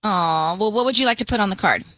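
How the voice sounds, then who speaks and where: A woman making a friendly sales pitch on a phone call. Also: expressive, fast, fairly bright tone, dry recording. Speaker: radio co-host posing as a florist.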